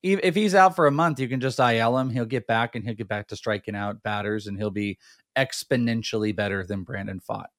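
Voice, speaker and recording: A man's voice: lowish voice, fairly quick, no echo, clean studio sound. A man co-hosting a fantasy baseball podcast in casual chat, making his points emphatically and repeating them. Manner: emphatic, repetitive, animated.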